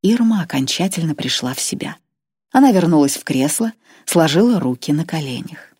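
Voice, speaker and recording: A woman reading an audiobook in steady, measured narration. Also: low voice, husky, no echo, clean studio sound. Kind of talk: scripted narration.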